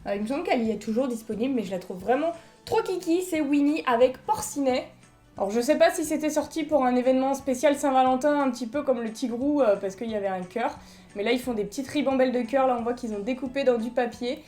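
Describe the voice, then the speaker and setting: A woman's voice: sits high, fast, dark tone, faint music behind. A young French woman chatting enthusiastically as she unboxes collectible figurines in a casual vlog. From France.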